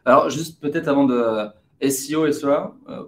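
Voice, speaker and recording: Upbeat French webinar host. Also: male voice, mid-range voice, fairly quick, slight background noise. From France. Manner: upbeat, joking, asks questions. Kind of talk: hosting a live webinar.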